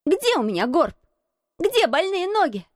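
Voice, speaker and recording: A woman voicing a proud, imperious sickly boy who gives orders and shouts. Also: very high-pitched, very animated, measured pace, no room sound, clean studio sound, voice pushed up, exaggerated voice. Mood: furious. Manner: commanding, shouting.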